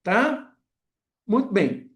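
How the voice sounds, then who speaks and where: A man's voice: sits high, big pitch swings, drawn-out words, a bit bright. Hesitant Brazilian man giving a lecture. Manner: hesitant, frequent filler words and tag questions. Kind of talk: academic lecture.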